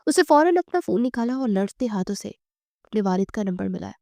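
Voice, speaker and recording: A woman narrating a bedtime story in a dramatic, expressive reading. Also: mid-range voice, no echo, clean studio sound.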